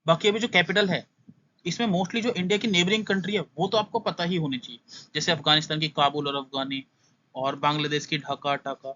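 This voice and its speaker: Brisk young male exam tutor, bright voice. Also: a little high, steady tone, lo-fi sound. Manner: brisk, skims through points, repeats "must know". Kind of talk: casual exam-prep lesson.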